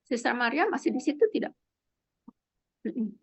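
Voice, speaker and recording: A woman leading an online prayer meeting on a video call, calling on each person gently by name. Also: sits high, lively intonation, moderate pace, husky.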